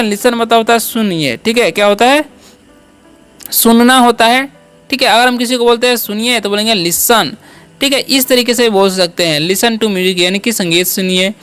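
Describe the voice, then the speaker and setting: A man's voice: very high-pitched, fairly bright tone, clear, resonant tone. A man teaching basic English words, often repeating questions to his students. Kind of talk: spoken English lesson.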